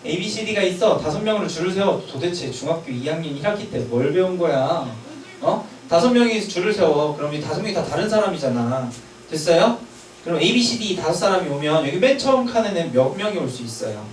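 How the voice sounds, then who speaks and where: A man with a high, animated voice leads a math lesson and keeps firing checking questions at his students. Now and then he scolds them sharply. He sounds distant in an echoey room, with faint ambient noise behind him. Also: brisk. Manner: lively, emphatic delivery, sometimes scolding. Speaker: math teacher. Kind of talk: classroom math lecture.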